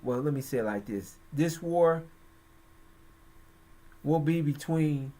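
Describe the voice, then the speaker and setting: Man, host, religious-political commentary, slightly high voice, slow halting emphatic delivery. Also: warm tone.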